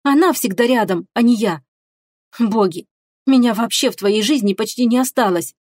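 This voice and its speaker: A woman's voice: fairly high pitch, moderate pace, darkish tone, no echo, natural voice. A woman voicing a fiery, jealous young woman who speaks sharply and indignantly. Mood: anguished.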